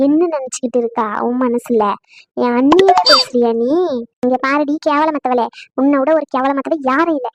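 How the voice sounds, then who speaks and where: A woman voicing a loud, bossy young sister, quarrelsome and quick. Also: high-pitched, dry recording, close to an everyday voice.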